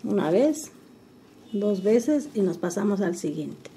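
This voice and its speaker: An older woman teaching embroidery talks through a craft tutorial in a soft, warm, never sharp voice. Slow and mid-range, she calmly and patiently narrates each stitch, with a faint room hum behind her.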